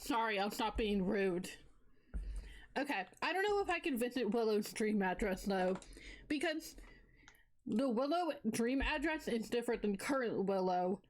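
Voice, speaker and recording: A woman's voice: fairly high pitch, lively intonation, normal speed. A young woman chatting casually on a live stream, bubbly and giggly, talking through what she is doing.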